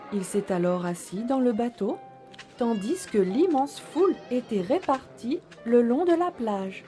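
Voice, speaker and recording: Lady reading a kids storybook, slow and gentle, kinda high voice, soft music behind. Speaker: children's storyteller. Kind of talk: expressive storybook narration for children.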